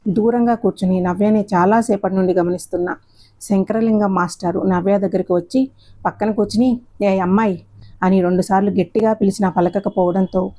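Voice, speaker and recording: A woman narrating a moral story in an earnest, measured way. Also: medium pitch, dark tone.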